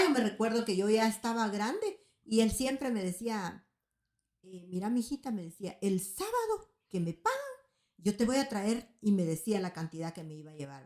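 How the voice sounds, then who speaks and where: Earnest woman preaching in an echoey room. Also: mid-range voice. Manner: earnest, keeps asking "right?" of her listeners. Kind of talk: sermon-like teaching. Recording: roomy echo.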